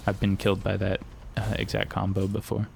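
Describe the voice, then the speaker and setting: A young man with a low, gravelly voice chats loosely over his gameplay, drifting between jokes and tangents. His crude, offhand humor keeps the commentary loose and rambling, with a faint hiss sitting under the audio. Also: monotone, moderate pace, darkish tone. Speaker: gaming streamer.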